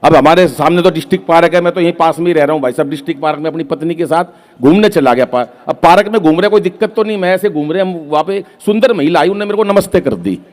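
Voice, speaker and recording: A man performing comic poetry on stage, telling stories with acted-out quotes and loud punchlines. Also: fairly high pitch, racing. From Haryana. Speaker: stand-up poet.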